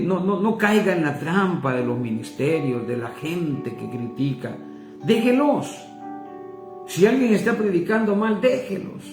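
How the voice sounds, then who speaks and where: Mexican pastor guy, impassioned sermon, highish voice, roomy echo. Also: vocal fry. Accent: Mexican Spanish. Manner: impassioned preaching, addressing listeners as brother. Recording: echoey room with faint guitar music.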